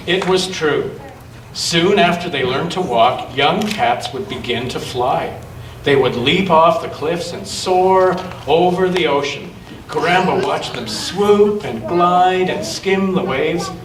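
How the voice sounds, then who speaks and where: At a church children's gathering, a man reads a picture book aloud and gently chats with the kids in a question-and-answer style. His voice is a little high and expressive, and he speaks slowly. The large church room is echoey and noisy with children, captured by a distant mic.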